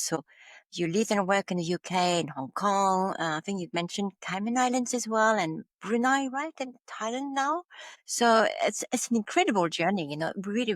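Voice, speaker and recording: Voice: mid-range voice, fairly bright tone, no echo. A podcast host who sums up the guest's answers and asks open, supportive questions. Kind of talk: interview conversation.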